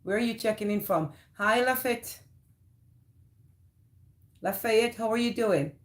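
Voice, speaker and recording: Hosting a casual livestream, a woman with a Jamaican accent greets viewers by name and responds to their comments. Her voice is a little high and a little slow.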